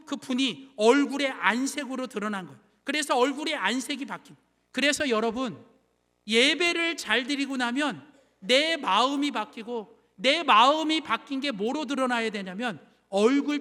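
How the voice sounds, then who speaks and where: Male pastor, Sunday sermon, very high pitch, emphatic questions to the congregation, long sanctuary reverb. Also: pushed and bright. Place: church sanctuary.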